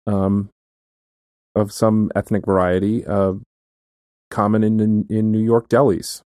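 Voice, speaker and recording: A man's voice: fairly low pitch, little pitch movement, unhurried, a little mellow, no room sound. A man co-hosting a podcast in casual chat, teasing his partner with wry, dry humor. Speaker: podcast co-host.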